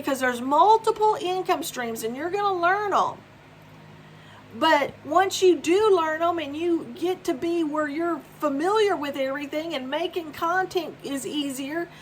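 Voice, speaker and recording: A woman's voice: very high-pitched, a little hiss or hum. A woman, talking casually and encouragingly to camera in a home video. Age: 50s. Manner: upbeat, encouraging, repetitive. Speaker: vlogger. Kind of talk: casual promotional talk to camera.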